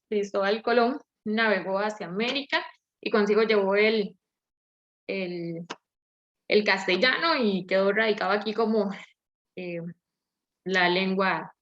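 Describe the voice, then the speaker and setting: Slow, hesitant young woman presenting. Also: mid-range voice, fairly bright tone. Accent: Latin American Spanish, seseo. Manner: slow, hesitant, many fillers. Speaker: student presenter. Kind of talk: class presentation. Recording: dull lo-fi audio.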